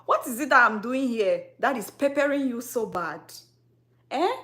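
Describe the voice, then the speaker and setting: A woman's voice: fairly high pitch, expressive, moderate pace, sharp tone. Sassy Cameroonian woman. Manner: sassy, teasing rhetorical questions, frequent laughter. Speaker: skincare vlogger. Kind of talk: casual direct-to-camera talk. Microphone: phone on tripod.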